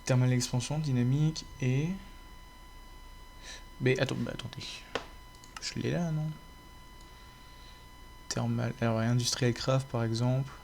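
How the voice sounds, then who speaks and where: A man's voice: medium pitch, fairly even intonation, a little slow, creaky, long pauses, darkish tone, a little hiss or hum. A man casually chatting to his viewers about his game server, rambling with many fillers and restarts. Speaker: gaming YouTuber.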